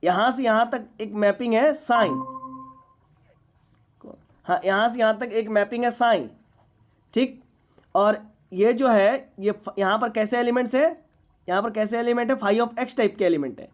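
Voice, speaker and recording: A woman's voice: a little high, measured pace, pauses often. A woman teaching a university maths class, lecturing patiently and often asking whether students follow. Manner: patient, checks understanding often.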